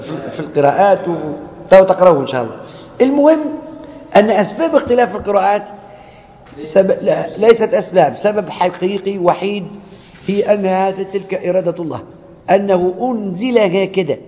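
A man with a Tunisian Arabic accent giving a classroom lecture on scripture. He talks in an animated way, acts out quoted dialogue and asks the class questions. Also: sits high. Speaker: lecturer on Quranic sciences. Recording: echoey lecture hall, dull lo-fi sound.

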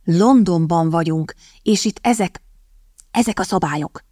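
A woman voicing a determined young woman, a sharp-tongued older sister who speaks briskly and pointedly, in an audiobook. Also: on the low side, no room sound, studio quality, natural voice. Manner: brisk, pointed, at times hissing. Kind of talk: audiobook character voice.

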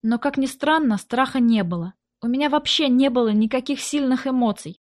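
Woman, fairly high voice, first-person audiobook narration, tense even storytelling. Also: fairly quick.

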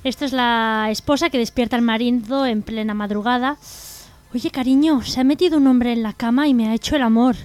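Young woman telling jokes, high voice. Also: steady tone, a little fast, a little mellow, soft background music. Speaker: radio show co-host.

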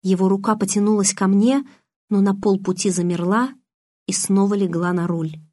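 A woman reads a novel aloud in the first person, measured and expressive. Her voice is husky and breathy, and the sound is dry and close. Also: medium pitch, no echo. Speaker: audiobook narrator.

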